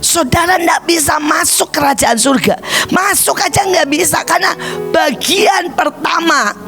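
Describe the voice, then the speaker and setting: An older woman evangelist preaching a sermon, impassioned, breaking into shouts and addressing the congregation again and again. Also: measured pace, soft background music. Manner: high-pitched exclamations with wide swings.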